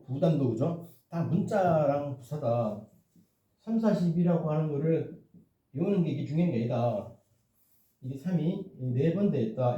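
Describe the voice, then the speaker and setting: A man's voice: fairly high pitch, dark tone. A man tutoring math in a casual, rambling way, often checking in with his listeners and poking fun at himself. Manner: rambling, self-deprecating, repeats "이렇게" and "그죠?". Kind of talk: casual explanatory lesson. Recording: echoey, dull, distant mic.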